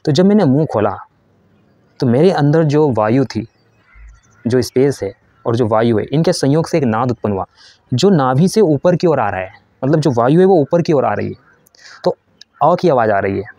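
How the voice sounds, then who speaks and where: A man's voice: mid-range voice, animated, normal speed, long pauses, dark tone, no room sound. A man giving a patient spiritual lesson. He explains step by step, asks questions and answers them himself, and shows how to chant. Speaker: spiritual teacher.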